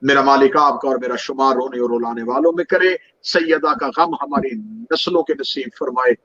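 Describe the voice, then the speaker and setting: A man's voice: mid-range voice, steady tone, moderate pace, a bit bright, a little hiss or hum. A male preacher delivering a mourning sermon, his recitation rising into wailing lament. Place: religious gathering hall. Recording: dull lo-fi recording.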